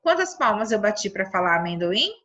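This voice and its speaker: A woman with a Brazilian Portuguese accent teaching a remote lesson to young children, stretching words out slowly and asking them questions. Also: medium pitch, sing-song, a bit bright, lo-fi sound. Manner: slow, syllable-stretching teacherly delivery. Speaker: primary school teacher.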